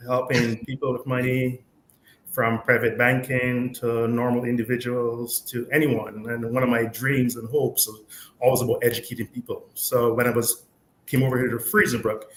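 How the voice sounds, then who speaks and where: A man in his fifties from Barbados, a pension expert, calmly explaining money matters on a talk show with many fillers. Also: mid-range voice, moderate pace. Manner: calm, explanatory, with frequent fillers. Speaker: pension and investments guest expert. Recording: echoey room with faint noise.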